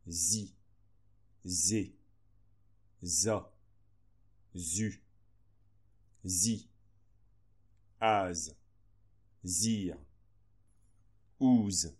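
A man with a low, husky voice reads a phonics lesson. He goes very slowly and deliberately, pausing between each word. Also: darkish tone. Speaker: teacher. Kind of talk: slow phonics lesson reading.

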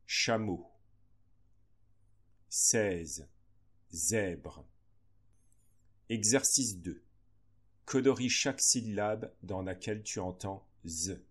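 A man reading a slow phonics lesson, saying each word deliberately with pauses between. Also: low voice, slightly rough. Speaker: teacher.

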